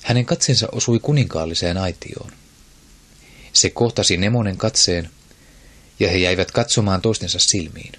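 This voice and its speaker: A man narrating an audiobook in a steady, even storytelling manner. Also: low voice, pauses often. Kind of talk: scripted narration.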